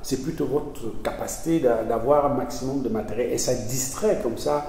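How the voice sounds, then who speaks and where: A man's voice: mid-range voice, normal speed, warm tone, a little hiss or hum. A man being interviewed as an essayist, speaking earnestly and hesitantly, often restarting his phrases. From Belgium. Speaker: essayist guest. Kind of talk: conversational interview. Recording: echoey hall from far off.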